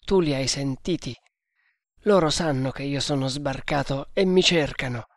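A man's voice: medium pitch, moderate pace, dry recording, studio quality, close to an everyday voice. A man voicing a bold, lovestruck male hunter who speaks firmly and resolutely. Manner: firm, resolute.

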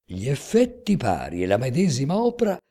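A man voicing an aged holy man who calmly explains heaven's mysteries in recited epic verse, with a measured, solemn delivery. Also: medium pitch, voice pushed up.

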